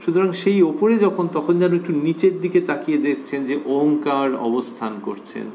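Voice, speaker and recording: A man with a slightly high voice gives a slow, reflective devotional discourse on scripture. He repeats key phrases for emphasis and fills his pauses with long, hesitant sounds. A faint noise sits underneath. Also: steady tone, warm tone. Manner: pauses with drawn-out fillers. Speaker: scripture lecturer.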